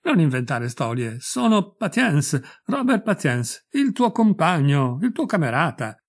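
A man voicing a loud, boastful and crude middle-aged former schoolmate, talking in a hearty, pushy way. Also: fairly high pitch, big pitch swings, a little slow, heavily acted. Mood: boisterous.

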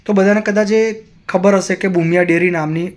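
A man's voice: high voice, steady tone, a little fast. A man vlogger telling a personal story in an earnest, moralizing way.

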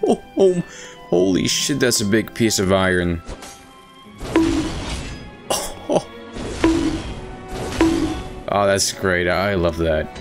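A young man giving excitable, profane, self-mocking commentary while playing a video game. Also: low voice, slow, vocal fry, pauses often. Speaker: gamer playing through a game. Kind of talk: let's-play commentary. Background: game music.

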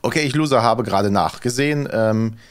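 A man's voice: medium pitch, brisk, slight background noise. A man doing casual let's play commentary, thinking aloud hesitantly as he plays. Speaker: let's player, horror game streamer.

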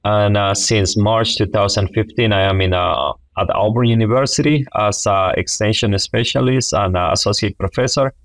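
A middle-aged Honduran poultry science professor, speaking with a Honduran Spanish accent, explains things as a guest on a video call from a small indoor office. His voice is lowish, at normal speed with hardly any pauses. He uses wireless earbuds, and there's no room sound.

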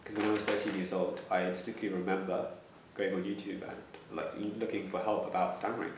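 A man in his twenties speaks in a low, flat, brisk voice over background noise, stammering as he reflects on interview questions and repeatedly restarting or repeating words. The setting is a plain indoor room that sounds echoey, with the mic slightly distant.

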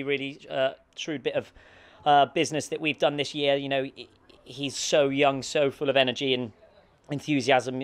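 A man in his thirties, a football manager, giving a post-match interview outdoors in an empty stadium stand, talking steadily with many restarts and fillers into a handheld mic. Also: medium pitch. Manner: steady, flat delivery with frequent restarts and fillers. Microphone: handheld mic with windshield held close.

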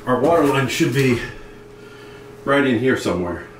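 A man's voice: medium pitch, expressive, normal speed, roomy sound, far from the mic, background noise. A man working on his sailboat's refit, explaining the plumbing and wiring step by step in a matter-of-fact way. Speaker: boat owner doing refit work. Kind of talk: casual explaining while working. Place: inside a boat under refit.

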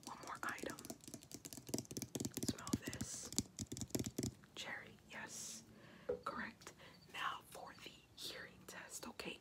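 A young adult woman whispers a brisk ASMR whispered role-play as an examiner, giving short instructions in a fast, aggressive ASMR manner. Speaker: ASMR performer playing a medical examiner. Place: small bedroom, indoors.

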